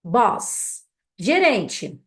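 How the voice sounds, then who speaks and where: A woman's voice: fairly high pitch, very animated. A young adult woman with a Brazilian Portuguese accent teaching English vocabulary, calling out words for learners to repeat after her. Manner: slow, patient repeat-after-me drilling. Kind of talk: language lesson drills.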